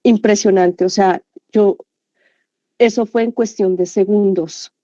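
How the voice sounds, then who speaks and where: A woman giving an earnest, halting testimony to a prayer group, full of fillers and restarts. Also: mid-range voice, fairly even intonation, warm tone, dry recording. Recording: dull lo-fi sound.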